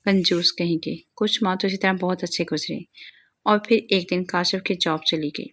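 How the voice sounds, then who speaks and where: A woman's voice: fairly low pitch, steady tone, fairly bright tone. A woman narrating an audio story with a moralizing, plain storytelling manner.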